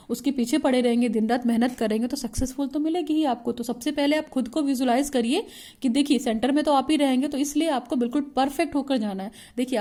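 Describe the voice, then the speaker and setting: Woman teacher, fairly high and mellow voice, steady online lecture with frequent check-ins.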